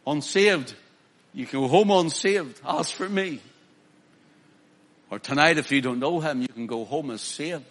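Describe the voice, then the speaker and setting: A male preacher, delivering a sermon, swinging from loud emphatic declaiming to quiet pleading. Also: a little high, measured pace, pauses often.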